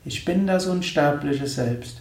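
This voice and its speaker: A man giving a spiritual lecture in a calm, repetitive, instructive manner. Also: a little high, unhurried, creaky, a little hiss or hum. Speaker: spiritual teacher. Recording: echoey room, voice from far off.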